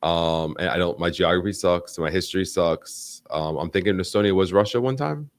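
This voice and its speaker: This livestream host, a young man from the United States, runs a live online interview in a loose, animated manner, full of fillers and false starts as he rambles. His voice is low-pitched at normal speed, recorded with no room sound.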